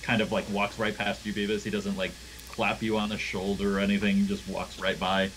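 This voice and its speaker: A man's voice: on the low side, little pitch movement, a little fast, fairly bright tone, a little hiss or hum, poor audio. A young man narrating as game master, rambling and full of fillers.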